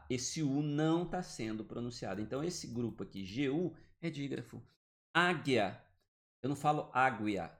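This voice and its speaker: A man giving an online grammar lesson, explaining step by step and often checking in with the listener. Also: mid-range voice. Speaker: teacher. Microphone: computer mic, drawing with the mouse.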